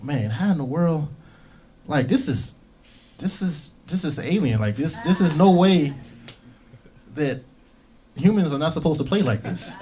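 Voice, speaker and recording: A man's voice: on the high side, darkish tone. A man being interviewed about his life as a musician, telling stories casually with lots of fillers and repeated words. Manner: rambling, repeats himself, lots of "you know" and "um". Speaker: musician guest.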